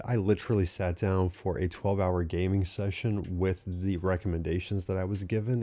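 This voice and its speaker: A man with a low, mellow voice walks through settings in a casual tutorial. He rambles a little, leans on fillers and keeps checking in with "right?" as he explains. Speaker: tech tutorial host. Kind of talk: casual screen-recorded tutorial.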